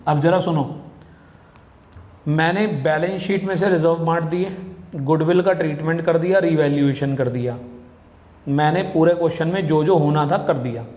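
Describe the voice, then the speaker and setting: A man's voice: a little high, moderate pace, long pauses, a little mellow. Male teacher lecturing in an echoey classroom. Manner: addresses students as "beta", asks the class questions. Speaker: commerce teacher. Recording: echoey classroom with long reverb.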